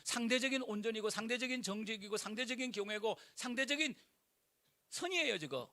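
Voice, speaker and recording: A middle-aged male pastor preaching a sermon in an animated, colloquial way, full of rhetorical questions. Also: very high voice, brisk.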